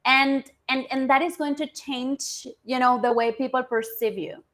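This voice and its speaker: A Venezuelan-accented woman with a high voice talks casually on a panel. She sounds chatty and keeps leaning on "I mean" and "you know". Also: measured pace, fairly bright tone. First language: Spanish. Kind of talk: casual online panel talk.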